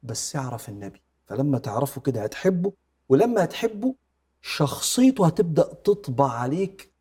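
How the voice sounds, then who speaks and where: Egyptian man, middle-aged, preaching, mellow warm tone, storytelling, hushed quoted dialogue. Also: a little high, very animated, a little fast. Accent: Egyptian Arabic. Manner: retells scenes with quoted dialogue, often drops to a soft hush. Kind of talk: storytelling religious talk.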